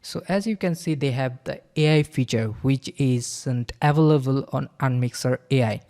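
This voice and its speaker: A man giving a casual screen-recording tutorial, halting with many fillers and repeated okays. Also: medium pitch, a little mellow. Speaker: software reviewer.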